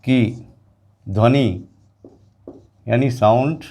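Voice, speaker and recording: A man teaching an English grammar lesson to students, explaining slowly and repeating example words. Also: medium pitch, fairly even intonation, a little mellow. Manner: slow, repetitive explaining, addressing students directly.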